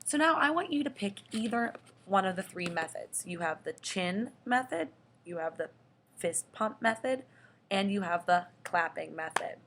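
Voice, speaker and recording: A young woman teaching a children's lesson, slow and patient, stretching out the example words. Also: mid-range voice, expressive, fairly bright tone, a little hiss or hum. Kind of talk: children's lesson explaining syllables.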